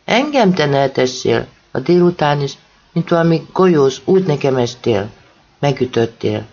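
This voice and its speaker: A man voicing a drunk, furious middle-aged mother who scolds and shouts at her son. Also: a little high, sing-song, dull audio. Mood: angry scolding.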